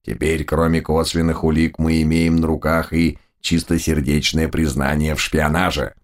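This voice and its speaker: Speaking in a very deep, level voice, a man performs an audiobook trio of pompous raccoon judges belonging to a holy order, none too bright. Their phrases are long and preachy, always starting with a solemn "O."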